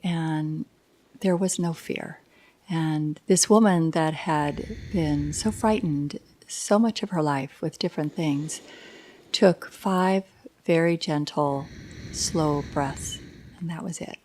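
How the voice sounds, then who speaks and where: A woman in her sixties, a yoga instructor and life coach, giving a slow, reflective and candid interview in a yoga studio. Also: low voice, slight background noise. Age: 60s. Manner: slow, thoughtful, warmly candid.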